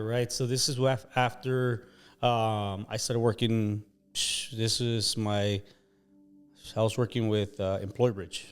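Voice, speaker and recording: Man, 40s, from Mexico, low voice, laid-back guest. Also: clean tone. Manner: relaxed, laid-back, many you knows. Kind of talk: casual interview.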